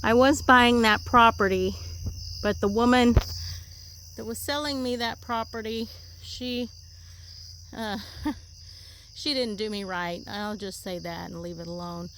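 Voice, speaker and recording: Woman, casual vlog host, upbeat rambling chat outdoors, slightly breathless, pitched a little high. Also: fairly even intonation, unhurried, pauses often, a bit bright, slight background noise. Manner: chatty, rambling, easily amused. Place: outdoors in a rural horse pasture.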